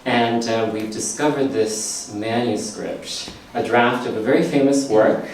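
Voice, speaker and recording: A man's voice: mid-range voice, steady tone, unhurried, slight background noise. A man hosting a live comedy science show with an audience, playful and laughing often. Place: theater stage. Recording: echoey theater from far off.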